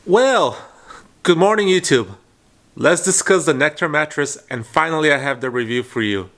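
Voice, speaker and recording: A man's voice: fairly high pitch, expressive, normal speed, a bit bright. A man in his thirties giving a casual, rambling product review at home in his apartment, with lots of fillers and restarts. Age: 30s. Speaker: vlogger.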